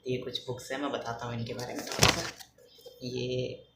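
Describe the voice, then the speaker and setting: A young man vlogging in a casual, rambling way, talking softly and hesitantly with many fillers. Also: medium pitch, flat delivery, moderate pace, creaky. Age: young adult. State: speaking softly, kept quiet. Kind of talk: casual rambling vlog talk. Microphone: phone front camera. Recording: echoey room, faint background noise.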